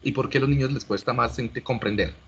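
This online lecturer is a fast-talking man with a medium-pitched voice, vocal fry and a breathy edge. He explains in steps, questions the students, and restarts frequently, all heard through dull, lo-fi audio.

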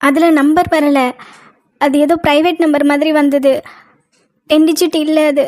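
A woman voicing a frightened young college woman in a cartoon, pleading in a flat, tearful way. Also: high voice, a little slow, no room sound. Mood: scared. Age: young adult. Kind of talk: cartoon voice acting.

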